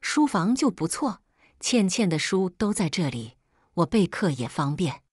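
A woman's voice: lowish voice, sing-song, measured pace, a little mellow, slightly rough, dry recording, studio quality, heavily acted. A woman voicing a decisive, matter-of-fact middle-aged father who works as a lecturer.

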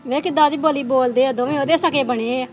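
A woman's voice: high voice, faint music behind, lightly acted. Woman playing a jealous scolding mother-in-law. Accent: Punjabi. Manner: nagging, taunting, quick. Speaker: actor in family drama. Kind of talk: Punjabi village drama acting.

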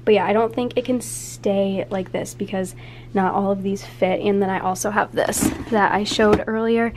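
A woman's voice: medium pitch, steady tone, normal speed, background noise. Chatty young woman vlogging on her phone. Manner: chatty, rambling, many "like" fillers. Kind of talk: casual vlog narration. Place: apartment rooms and closet, indoors. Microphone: handheld phone camera.

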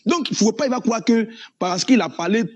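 A man's voice: high-pitched, lively intonation, a little fast, a little mellow, dull audio. Combative man. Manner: combative, mocking, preaching. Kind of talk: heated online debate. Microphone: video call.

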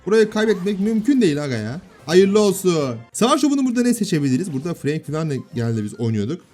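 A man in his thirties at home giving casual gameplay commentary, bantering and often shouting at his kids. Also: high voice, sing-song, quick pace, soft background music. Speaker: gaming YouTuber and father. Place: home room.

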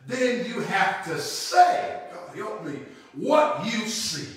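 Middle-aged male pastor, high-pitched and lively, preaches from a lectern; roomy, distant sound. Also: slow. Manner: preaching with call-outs and repetition, sweeping gestures. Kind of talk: sermon. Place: church room with logo backdrop, standing at a lectern. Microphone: far camera. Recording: echoey room, mic far off.

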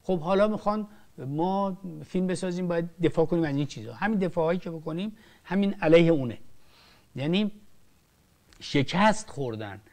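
A man's voice: a little high, lively intonation, a little mellow. Older man, impassioned political talk. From Iran. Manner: emphatic, rising and falling sharply, frequent restarts. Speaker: film director.

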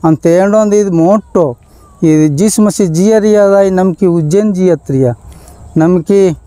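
Smooth-voiced bishop preaching in Malto accent. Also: male voice, sits high, dark tone, no room sound. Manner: measured preaching with pauses and fillers. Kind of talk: Easter sermon.

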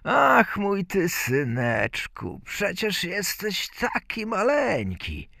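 Guy playing humble old peasant dad, soft and pleading, folk tale, a bit husky. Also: high-pitched, huge pitch swings, drawn-out words, no echo, studio quality, voice pushed up, heavily acted.

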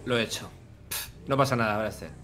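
A man's voice: lowish voice, brisk, fairly bright tone, a little hiss or hum. A young man, playing a game with a friend in casual banter, teasing and trash-talking. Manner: teasing, playful trash talk. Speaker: co-player, guest.

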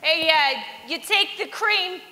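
A woman's voice: very high voice, slow, sharp tone, long reverb tail, a little hiss or hum, full character voice. A woman playing a sassy old ex-waitress. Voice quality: sassy, teasing. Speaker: actor in a church Christmas skit. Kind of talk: live stage comedy sketch. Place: church stage.

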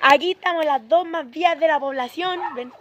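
A man voicing a boastful, loud Chilean neighborhood woman, recorded dull with noise behind. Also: very high voice, normal speed, voice pushed up. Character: brash neighborhood woman showing off.

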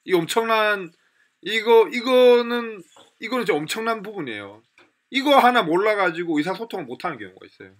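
A man with a Korean accent teaching English pronunciation in a lively lecture, repeating and drilling example phrases. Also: sits high. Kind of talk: lively classroom lecture with demonstrations.

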